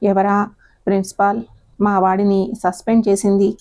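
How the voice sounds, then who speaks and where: A woman voicing a proud, domineering middle-aged mother in an audio story, with a warm tone. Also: mid-range voice, little pitch movement, moderate pace, close to an everyday voice. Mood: angry. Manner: commanding, domineering.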